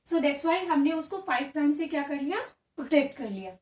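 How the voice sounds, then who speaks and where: A woman's voice: high-pitched, animated, brisk, a little mellow. Woman, biology teacher, asks and answers her own questions, roomy echo. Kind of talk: classroom lecture. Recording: roomy echo, a bit far from the mic.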